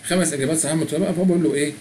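In this chatty app walkthrough, recorded from the screen, a middle-aged Egyptian-accented presenter reads a language app's prompts aloud. He speaks rapid-fire in a slightly high, slightly mellow voice, with slight background noise.

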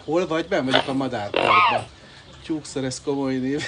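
Man livestreaming from a bird park. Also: mid-range voice. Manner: coaxing, pet-talk to his bird while reading out viewer comments. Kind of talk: casual live stream chat. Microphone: phone live stream. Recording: outdoor noise with bird calls. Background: birds and fowl calling.

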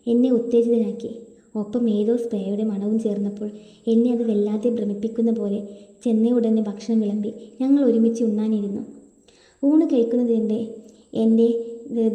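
Woman story narrator, steady first-person reading, very dark mellow voice, roomy echo with long reverb. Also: fairly high pitch.

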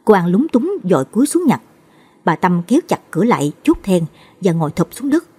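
Husky woman narrating a ghost story. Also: sing-song, fairly quick, a little mellow. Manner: voices the characters' dialogue with pitch shifts.

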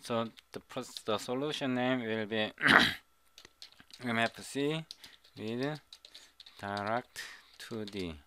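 Over a screen recording, a middle-aged South Korean man, a native Korean speaker, teaches coding, frequently repeating himself and restarting his words. His mid-range voice is clear, resonant, and a bit bright, delivered slowly with long pauses.

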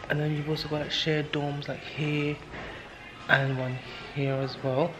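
His voice is on the high side, level and unhurried, heard over loud music with poor audio. The young man, in his twenties, is solo travel vlogging, rambling tiredly in fillers to a handheld camera held at arm's length; he's worn out with a sore throat. Scenes shift from a guesthouse room to a noisy narrow street at night, with clear background noise.

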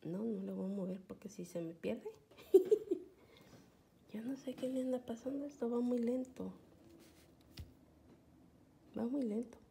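A couponing vlogger films a casual, chatty tutorial at home, pointing her phone camera at a phone screen while staying off screen herself. Her voice is a little high, creaky, and warm, and she speaks slowly with frequent pauses. She checks in with her viewers often.

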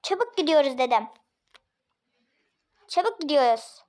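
A woman's voice: high voice, sing-song, measured pace, darkish tone. A woman voicing an angry, protective father in a homemade family drama, talking in urgent, commanding bursts.

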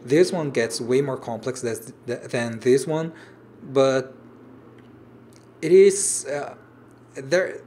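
A mid-range, dark-toned voice moves at a slow pace with frequent pauses over slight background noise. It belongs to a Brazilian origami designer in his thirties, a native Portuguese speaker, who casually goes through viewer comments on a livestream at home among shelves. He sounds hesitant, restarting as he hunts for English words.

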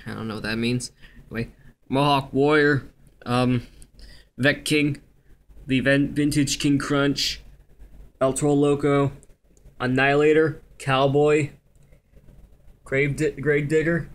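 A young man speaking quietly at night so as not to wake anyone, casually going through a collection item by item. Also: mid-range voice. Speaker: toy collector showing his collection. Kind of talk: casual collection walkthrough, listing items. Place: carpeted room at home. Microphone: handheld camera, held by the speaker.

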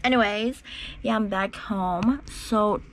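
Taking it slowly with a mid-range voice, a young woman vlogger chats casually to a phone camera at arm's length. She rambles with many fillers in a small bedroom and a parked car, with slight background noise.

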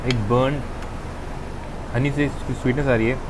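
Young man tasting food on camera. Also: mid-range voice. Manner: relaxed, savoring, pauses to chew. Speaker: food vlogger. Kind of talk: casual food tasting vlog. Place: outdoor rooftop restaurant terrace. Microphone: lapel mic. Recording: outdoor noise in background.

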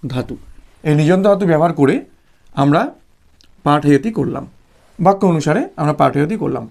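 A man from West Bengal teaches a Sanskrit grammar lesson. His voice sits a little high for a man, with a gravelly, fry-laden edge. He explains patiently, repeats himself, fills pauses with "ah", and slows right down to spell out each example. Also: darkish tone. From West Bengal, India. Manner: patient, repetitive explaining with frequent "ah" fillers. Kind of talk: exam-prep grammar lesson.

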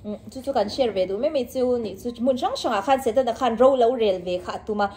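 A young woman chats casually to the camera about her wedding, rambling and laughing often as she goes. Her voice sits a little high. Faint background noise runs underneath her. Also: racing, mellow. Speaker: vlogger, half of a married couple. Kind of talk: casual chat.

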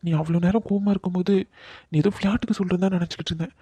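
A doting young husband from a cartoon drama, voiced by a woman, speaking low and husky. His dark, mellow tone coaxes and apologizes gently. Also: fairly even intonation, very fast. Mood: earnest. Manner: coaxing, apologetic, soft. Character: young husband, affectionate and pleading.

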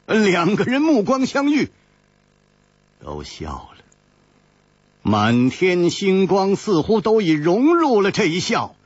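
Brief: husky male storyteller, sweeping dramatic pitch, dry dull lo-fi recording. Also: huge pitch swings, no echo. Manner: slow, dramatic storytelling cadence. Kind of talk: pingshu-style audiobook narration.

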